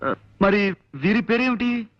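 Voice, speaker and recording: A man's voice: high-pitched, lively intonation, a little slow. An actor playing a polite young man who grows exasperated while searching for someone. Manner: polite but exasperated, shouts to be heard by the deaf man. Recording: dull lo-fi film soundtrack.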